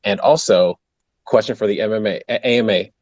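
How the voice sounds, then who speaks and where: A man with a fairly low voice reads audience questions into his phone, and the sound comes through garbled, like a mistuned ham radio or walkie-talkie. He talks haltingly, stumbling and restarting, and there is no room echo at all. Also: darkish tone, lo-fi sound. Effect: garbled mic like a mistuned ham radio or walkie-talkie. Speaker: host reading audience questions. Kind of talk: casual online audio chat.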